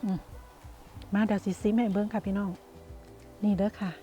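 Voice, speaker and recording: A woman's voice: mid-range voice, flat delivery, fairly quick, mellow, faint music behind. Chatty Isan-accented woman vlogging outdoors. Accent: Isan (Northeastern Thai). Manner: chatty, addresses viewers as "brothers and sisters". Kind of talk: casual outdoor vlog. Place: outdoors in the countryside.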